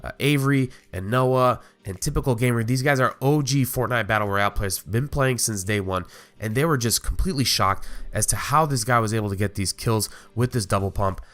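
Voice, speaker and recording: A man with a cold hosts a gaming video, his nasal voice medium in pitch, fairly quick and a bit bright. His commentary is casual and conversational, rambling along with little asides.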